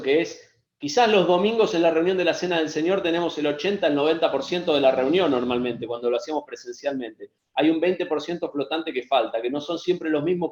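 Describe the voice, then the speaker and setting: A man's voice: fairly high pitch, a little mellow. A man with an Argentine Spanish accent preaching a sermon over a video call, earnest, repeating phrases for emphasis. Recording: echoey, dull lo-fi sound.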